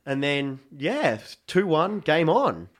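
A man, chatting casually about football and retelling a match with animated excitement. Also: a little high, slow pace.

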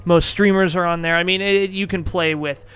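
Young man, podcast host, high bright voice, rambling, casual swearing. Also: fairly even intonation, normal speed. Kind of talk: casual chat.

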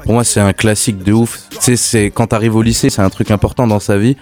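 Low-voiced laid-back young man. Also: steady tone, fast talker, darkish tone. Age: young adult. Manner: laid-back, slangy, hesitant with fillers. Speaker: guest rapper. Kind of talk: casual interview chat. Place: radio studio.

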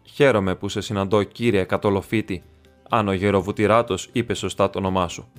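A man voicing a grim, guarded ranger who speaks low, quiet and measured. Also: steady tone, faint music behind, close to an everyday voice. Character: grim weathered male ranger, guarded and stern.

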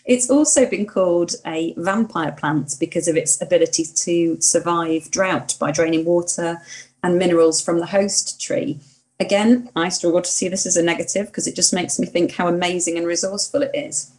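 A woman's voice: on the low side, fairly even intonation, normal speed, rough recording. A woman co-hosting a casual podcast chat, earnest and opinionated, at times getting mildly indignant. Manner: earnest, warmly opinionated, talks herself into mild indignation. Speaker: podcast co-host.

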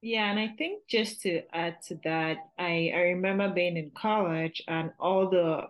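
A woman guest, a chemical engineer, answering interview questions in a lively way with easy laughter. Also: fairly low pitch, unhurried, low-quality recording.

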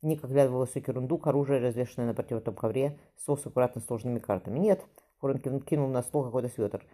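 A woman's voice: very deep voice, quick pace, dark tone. A woman reading a historical novel aloud as a narrator, lifting her voice for the characters' lines, with occasional slips and restarts. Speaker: audiobook narrator.

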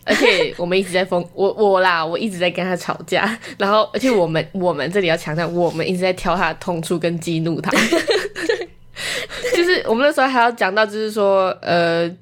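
Wry young woman with a lowish voice. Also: brisk, a bit bright. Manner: wry, self-mocking, laughs often. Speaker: podcast co-host. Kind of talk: casual chat.

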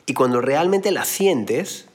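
A man's voice: mid-range voice, expressive, slow, husky. A man giving a motivational talk, explaining with everyday analogies and blunt slang. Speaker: motivational speaker.

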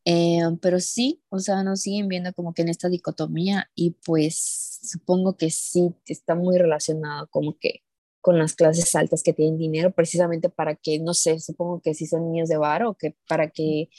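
A woman's voice: on the low side, flat delivery, moderate pace, warm tone, dry recording, clean studio sound. A young woman in casual chat, indignant and swearing freely. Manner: indignant, swearing, retells others with quoted voices.

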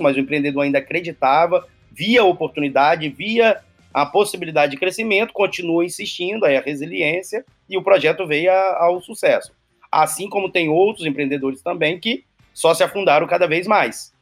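A man from Brazil, a guest entrepreneur, explaining his views in a thoughtful, measured way. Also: on the high side. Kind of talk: casual conversational interview. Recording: faint music underneath.

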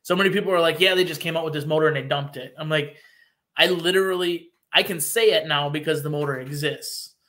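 A man from Wisconsin talks as a podcast guest. His voice sits a touch high, and he explains things earnestly and at length, often restarting his sentences. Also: fairly even intonation, quick pace, sharp tone. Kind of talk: casual podcast chat.

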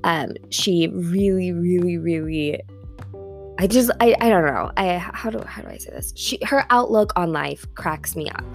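A woman's voice: on the low side, measured pace, gravelly, soft background music. A woman hosting a casual podcast, chatty and giggly with plenty of ums. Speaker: podcast host.

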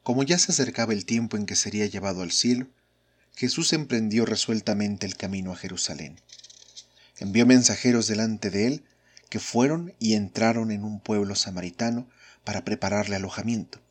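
A man reads a gospel passage in a slow, measured, solemn way. His voice sits low and sounds breathy and husky. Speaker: scripture reader. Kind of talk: scripture reading.

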